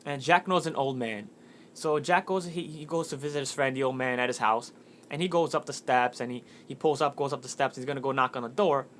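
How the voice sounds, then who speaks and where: A man's voice: mid-range voice, brisk, fairly bright tone, slight background noise. A man in his twenties talking casually and earnestly about motivation, telling a story with frequent restarts. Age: 20s. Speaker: motivational speaker.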